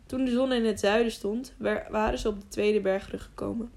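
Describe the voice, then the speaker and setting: A woman reads a storybook aloud in a calm, steady voice. Her pitch sits right in the middle of the range for women. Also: fairly quick, creaky. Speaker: audiobook narrator. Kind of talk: scripted narration.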